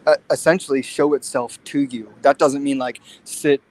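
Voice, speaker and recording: A fitness guest in his late twenties chats casually and earnestly in a livestream conversation. His medium-pitched voice is steady, moderately paced, and a little mellow.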